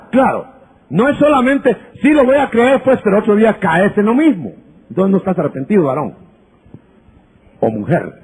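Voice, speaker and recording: A man preaching a sermon with emphasis, rising at times to shouts and acting out conversations with his listeners. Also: high-pitched, breathy edge, rough recording. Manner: acts out dialogues with listeners.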